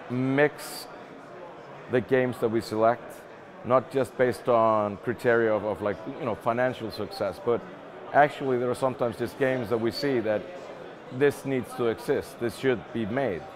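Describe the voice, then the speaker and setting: This middle-aged Icelandic man, a game publishing executive appearing as an interview guest, speaks in a mid-range voice at a measured pace. He answers casually, repeating words as he thinks aloud, amid the sound of a busy event crowd.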